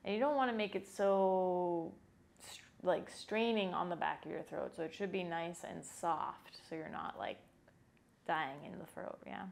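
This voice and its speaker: A woman, around her thirties, calmly guides a yoga breathing exercise in an informal, unhurried way, speaking indoors into a lapel mic. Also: lowish voice, vocal fry. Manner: calm, unhurried, informal instruction. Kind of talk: guided follow-along breathing lesson. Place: small indoor yoga room. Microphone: lapel microphone.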